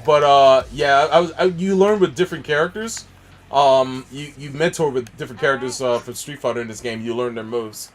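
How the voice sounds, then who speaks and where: A man hosting a casual game stream, chatting excitedly and reading viewer messages aloud. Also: mid-range voice, brisk. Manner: excitable, reads chat aloud. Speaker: streamer host.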